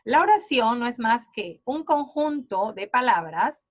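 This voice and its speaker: A middle-aged woman with a fairly high voice, teaching children a grammar lesson. She is patient and keeps checking in with her listeners. She stretches out and slows key words to stress them. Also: expressive. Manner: patient, repeats "¿verdad?" and "muy bien" often.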